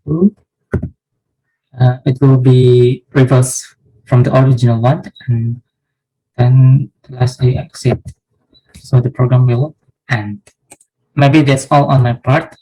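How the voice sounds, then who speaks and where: A man's voice: mid-range voice, little pitch movement, slow, long pauses, mellow, breathy edge, low-quality recording. A young man from Indonesia, a student, methodically explaining code step by step in a class presentation. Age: young adult.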